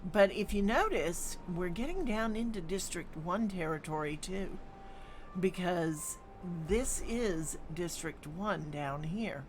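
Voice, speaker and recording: A woman's voice: fairly low pitch, lively intonation, slow pace, slight background noise. A woman streaming a city-building game, thinking aloud as she plays, with plenty of hums and ums. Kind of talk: live gameplay commentary.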